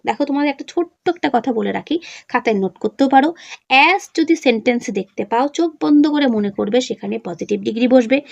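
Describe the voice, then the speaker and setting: A woman's voice: high-pitched, vocal fry, darkish tone, no room sound, highs cut off. A woman with a Bengali accent teaching an English revision lesson step by step, asking questions and answering them herself. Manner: reads example sentences slowly.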